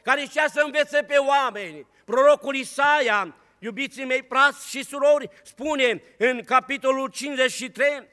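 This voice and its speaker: Fervent high-voiced preacher in a reverberant hall. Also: male voice, few pauses, clean tone. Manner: fervent preaching, swings between loud and hushed. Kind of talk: sermon.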